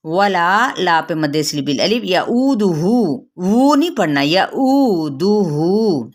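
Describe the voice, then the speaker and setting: A woman with a Pakistani Urdu accent teaches Quran recitation rules in a patient, methodical way. Her voice sits a little low, and she stretches the Arabic words slowly to demonstrate them. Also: very animated. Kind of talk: tajweed lesson, explaining rules then reciting slowly.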